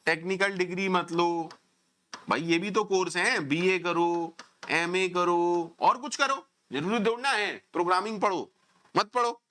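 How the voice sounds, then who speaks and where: A man's voice: high-pitched, measured pace, bright, forceful tone. A man giving an online programming lecture, scolding and sarcastic with his students. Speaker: programming teacher.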